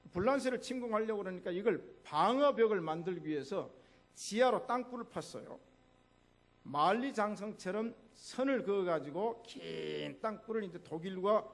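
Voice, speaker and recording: High-voiced older pastor preaching animatedly. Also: male voice. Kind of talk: sermon. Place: church.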